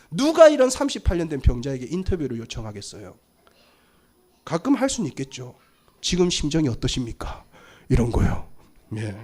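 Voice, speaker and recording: A man's voice: high-pitched, darkish tone. A male pastor preaching a sermon, telling a story animatedly and acting out the scenes.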